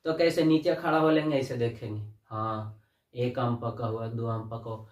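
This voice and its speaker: A man's voice: mid-range voice, steady tone, moderate pace. A male teacher giving a classroom lesson, calling the students "child" and asking questions he then answers himself. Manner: addresses students as "बच्चा", asks and answers own questions. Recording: echoey room, distant mic.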